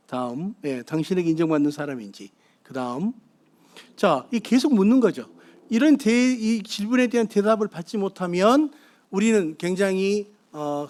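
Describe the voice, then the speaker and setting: Middle-aged male preacher with a high, lively voice, talking with and questioning a congregation. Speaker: guest pastor. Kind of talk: sermon on marriage. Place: church sanctuary.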